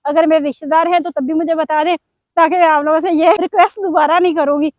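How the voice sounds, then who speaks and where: High-voiced woman vlogging, tinny sound. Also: steady tone, quick pace, dry recording. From Pakistan. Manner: chatty, complaining and confiding. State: sore throat. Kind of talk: casual vlog talk to viewers. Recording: dry, tinny phone-like audio.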